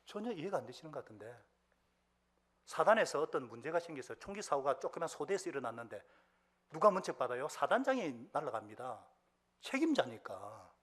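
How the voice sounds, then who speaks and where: Korean pastor preaching, loud then whispered. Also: male voice, a little high, very animated, a little fast, slightly rough. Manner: preaching with sudden loud outbursts and hushed whispered asides; asks the congregation rhetorical questions. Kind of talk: sermon.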